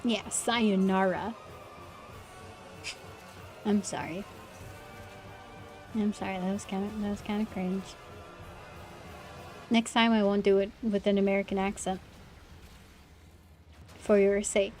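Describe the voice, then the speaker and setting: A woman's voice: mid-range voice, little pitch movement, unhurried, pauses often, a little mellow, faint music behind. A woman game streamer chatting casually with her viewers while she plays, often apologising. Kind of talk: casual livestream chat while gaming.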